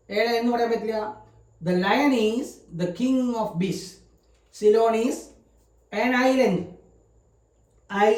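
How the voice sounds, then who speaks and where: A male English grammar teacher giving a lesson, explaining step by step and repeating example words. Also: extremely high pitch. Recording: roomy sound from a distant mic.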